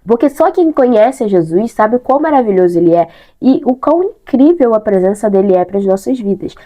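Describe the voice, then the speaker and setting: A young Brazilian woman with a fairly high, mellow voice talks briskly and very animatedly to the camera. Sinusitis has given her a stuffy nose and a sore throat, and in her casual chat she repeats words for emphasis.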